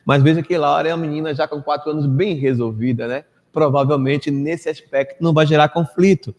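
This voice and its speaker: A Brazilian man in his fifties giving a storytelling lecture to a live audience, acting out quoted people and dropping to a hush at times. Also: fairly even intonation, brisk. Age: 50s. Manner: anecdotal, acts out quoted people with big pitch swings, drops to a hush. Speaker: spiritist lecturer. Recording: echoey hall reverb.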